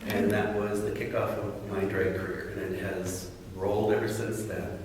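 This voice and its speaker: A man speaking candidly and a bit haltingly as a drag performer on a panel. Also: lowish voice, little pitch movement, darkish tone. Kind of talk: panel discussion answers. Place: large reverberant room. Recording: very echoey hall, distant mic, faint noise.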